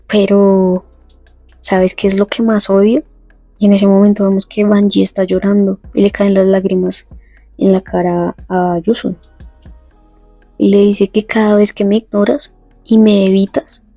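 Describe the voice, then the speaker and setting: A woman's voice: medium pitch, mellow, no echo. Dry-voiced woman recapping a comic. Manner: chatty, reads lines slowly. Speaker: narrator retelling a comic. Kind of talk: casual comic recap with read-out dialogue.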